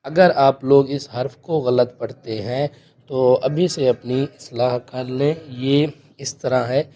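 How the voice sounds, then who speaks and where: A man with a medium-pitched, mellow, fairly even voice teaches Quran recitation, patiently explaining each letter and rule and checking in with his students. He chants the verses slowly, drawing them out.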